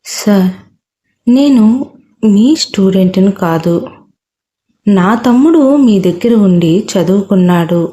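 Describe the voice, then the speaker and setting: A woman voicing a young woman who falters at first and then firmly tells her painful past, in a warm, mellow voice. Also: mid-range voice, expressive, slow, long pauses, slightly rough. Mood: hesitant. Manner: faltering, then firm recounting.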